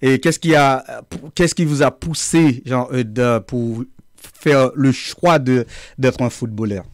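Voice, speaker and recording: Halting male interviewer with a smooth voice. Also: mid-range voice, dry recording, studio quality. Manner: halting, repeats words, laughs often. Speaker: interviewer, host. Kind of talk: casual video-call interview.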